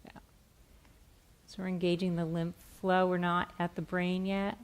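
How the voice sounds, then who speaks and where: A middle-aged woman gently and softly explaining a hands-on therapy demonstration step by step on stage. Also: lowish voice, flat delivery, unhurried, clear, resonant tone. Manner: gentle, soft-spoken. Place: on a stage in a theatre, indoors.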